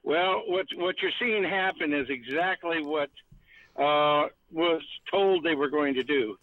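A male caller on a tinny phone line who rambles on with emphasis and restarts his sentences as he goes. His voice sits a little high for a man, and it sounds dry and narrow. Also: a little slow, no echo. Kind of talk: call-in political rant.

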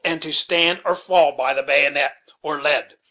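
A man's voice: on the high side, steady tone, a little slow, sharp tone. A man voicing a sober old army sergeant who recalls his service plainly, in an audiobook reading. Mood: recalling.

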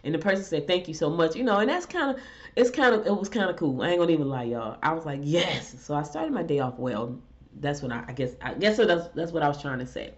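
Quick and lively in her intonation, this middle-aged host of a solo talk show sounds congested from a cold as she chats and rants with rising, exasperated pitch. Her recording comes through dull and lo-fi.

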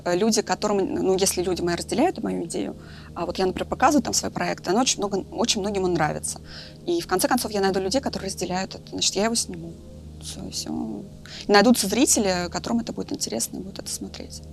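A woman's voice: medium pitch, fast, gravelly, faint music behind. A woman in her thirties talking candidly in a casual podcast conversation, thinking aloud with lots of fillers. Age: 30s. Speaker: guest, film director.

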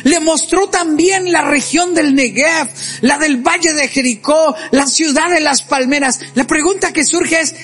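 A man's voice: extremely high pitch, unhurried, a bit bright. A man preaching a sermon, with rising and falling emphasis. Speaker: pastor.

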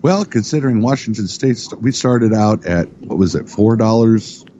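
A middle-aged man with a deep, dark voice talks casually as a guest, rambling and stopping to correct himself. The recording is dull and muffled, with a faint hiss underneath. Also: expressive, normal speed. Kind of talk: casual chat.

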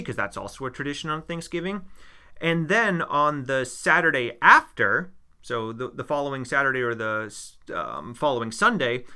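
An American man who is a history teacher co-hosts a casual podcast, chatting in a rambling way with fillers and restarts. His mid-range voice is smooth, pushed and bright.

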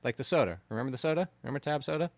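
A man hosting a podcast in casual chat, animated and teasing, insisting on his points. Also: medium pitch, rapid-fire, no echo. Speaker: podcast host.

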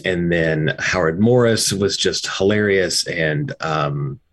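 A man being interviewed about creative work, recalling it casually in a halting, thoughtful way. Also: sits low, a bit bright.

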